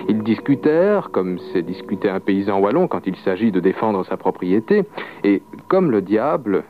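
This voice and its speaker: A man reading a legend aloud in an expressive storytelling style. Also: lowish voice, a little hiss or hum. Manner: expressive, with wide swings of voice. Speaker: reader of a legend. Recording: muffled lo-fi radio recording.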